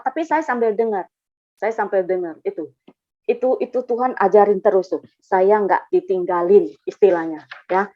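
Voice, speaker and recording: Rambling woman, lo-fi testimony. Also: fairly high pitch. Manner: rambling, repeats herself, animated when quoting. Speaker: testimony giver. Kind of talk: casual spoken testimony. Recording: dull lo-fi sound.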